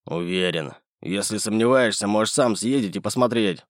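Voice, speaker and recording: A male audiobook reader voicing a gruff, bullying middle-aged businessman. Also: lowish voice, normal speed, no echo, clean studio sound, lightly acted. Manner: sneering, bullying.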